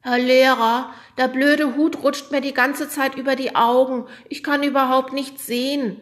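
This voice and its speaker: A woman's voice: high-pitched, steady tone, unhurried, voice pushed up. A woman voicing a young schoolboy who complains during a nativity rehearsal, in a storybook reading. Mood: complaining. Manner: whiny complaining. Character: grumbling young schoolboy shepherd.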